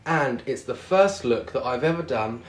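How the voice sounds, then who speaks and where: A man's voice: mid-range voice, expressive, normal speed. A man hosting a show as a drag queen, with a camp, cheeky, theatrical manner. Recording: roomy echo on the voice.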